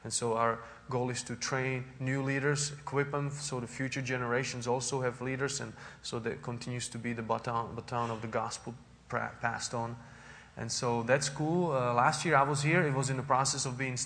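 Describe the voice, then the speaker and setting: A man's voice: mid-range voice, level tone, normal speed, fairly bright tone, big-room sound, slight background noise. A man from the Czech Republic with a Czech accent, a visiting missionary addressing a church congregation earnestly, with many fillers and restarts.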